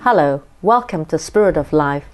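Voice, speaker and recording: Low-voiced woman host. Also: expressive, normal speed, music in the background. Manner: encouraging, frequent listening murmurs. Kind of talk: interview hosting.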